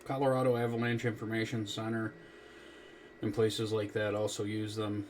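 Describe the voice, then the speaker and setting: A man with a low, flat voice runs an amateur radio net as its controller. He speaks over a two-way radio link with faint noise behind him. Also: normal speed. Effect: two-way radio transmission. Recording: noisy radio transmission.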